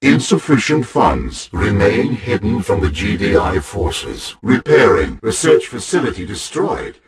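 A man voicing a cold, commanding male AI of a war faction in a video game, giving clipped status announcements with loud crowd noise behind. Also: on the low side, measured pace, gravelly, exaggerated voice. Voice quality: flat, mechanical, menacing.

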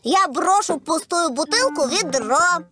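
A woman voicing a cheeky, curious little girl piglet in a children's cartoon, with a squeaky childlike voice. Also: animated, unhurried, dry recording, exaggerated voice. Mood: excited. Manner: bright, curious, slightly bossy. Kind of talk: animated children's cartoon dubbing.

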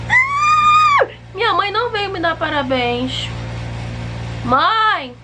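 Mulher animada de voz aguda. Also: female voice, very high voice, takes it slowly, very noisy. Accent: Brazilian. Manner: excitable and effusive. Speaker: vlogger. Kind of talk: casual vlog chat to camera.

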